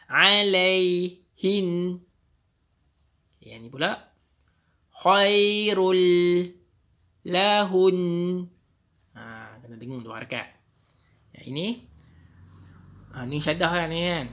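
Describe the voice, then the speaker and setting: A man with a Malaysian accent teaching young children Quran reading, drawing out each phrase slowly so they can repeat after him. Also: medium pitch, vocal fry, a bit bright, breathy edge. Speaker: Islamic studies teacher.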